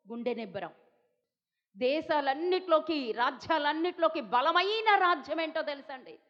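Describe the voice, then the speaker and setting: A woman from India preaching a sermon, talking emphatically and repeating questions to her listeners. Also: high voice. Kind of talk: Telugu sermon. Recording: dull sound in a reverberant hall.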